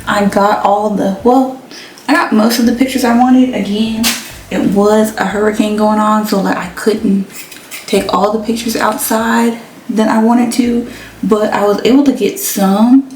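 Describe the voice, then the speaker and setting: A woman's voice: medium pitch, fairly even intonation, measured pace, a little mellow, a little hiss or hum. A young woman chatting casually to her viewers, full of slang, talking straight to the camera. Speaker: vlogger. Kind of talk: casual chat. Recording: echoey room, mic at a distance.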